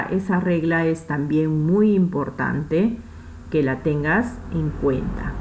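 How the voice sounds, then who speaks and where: A woman's voice: low voice, slight background noise, poor audio. A woman with a Peruvian Spanish accent, teaching a recorded English grammar class in a patient way, repeating points and checking that students follow. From Peru.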